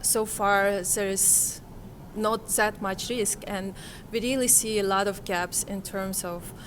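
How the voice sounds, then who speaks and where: Speaking slowly and steadily at a medium pitch, this woman from Kazakhstan in Central Asia answers interview questions thoughtfully but haltingly, frequently groping for words. She is attending a conference, and the rough recording carries a faint hiss or hum.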